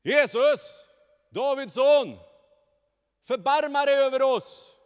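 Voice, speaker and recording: A preacher voicing two blind beggars who cry out loudly and pleadingly, in a reverberant church. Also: male voice, very high voice, voice pushed up. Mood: desperate shouting. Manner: loud pleading shouts.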